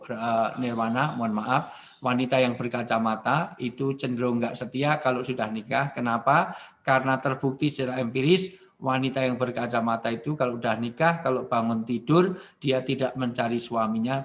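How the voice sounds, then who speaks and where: A man from Indonesia giving a humorous virtual sermon from his home, animated and joking, often addressing his listeners directly. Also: medium pitch, slight background noise. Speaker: preacher.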